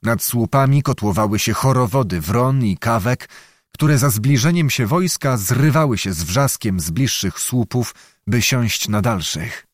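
A man reading a historical novel aloud as audiobook narrator, in a measured way. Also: medium pitch, no echo, clean studio sound.

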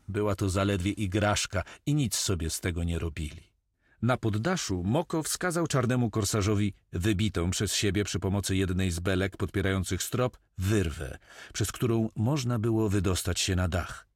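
A man narrating an adventure audiobook in a measured, storytelling way. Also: on the low side, dry recording, clean studio sound. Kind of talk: scripted narration.

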